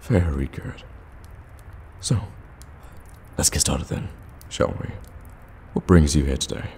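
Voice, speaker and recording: A man gives a heavily acted performance as a smooth, wicked warlock in an intimate ASMR roleplay, addressing the listener directly. His gravelly, extremely low voice moves slowly with soft-spoken, measured flattery, polite and teasing, silky and reassuring, like he's luring a customer into a bargain. Cave-like reverb lingers, with ambient noise behind him.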